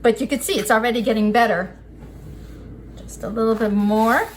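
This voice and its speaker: A woman's voice: fairly high pitch, normal speed. A woman giving a casual cooking demonstration as an instructor, explaining each step as she works with her hands. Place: indoors at a work table. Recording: clear background noise, kitchen ambience.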